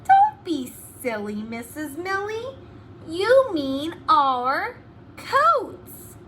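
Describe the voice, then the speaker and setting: A woman voicing young storybook pupils who playfully correct their teacher, exclaiming and stressing words slowly. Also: extremely high pitch, wildly swooping pitch, fairly bright tone, slight background noise, exaggerated voice.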